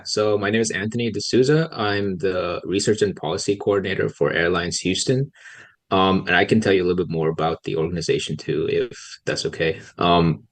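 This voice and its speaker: Speaking in a deep, husky voice, a young man from Pakistan who works as a policy researcher responds during a casual podcast interview. He comes across quiet and unsure, with many pauses.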